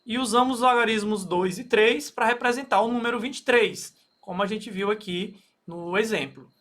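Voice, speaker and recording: This recorded math lesson comes from a Brazilian man with a high, somewhat bright voice and a moderate pace. Speaking with a Brazilian Portuguese accent, he builds each step carefully, adding many fillers and repeatedly asking "okay?"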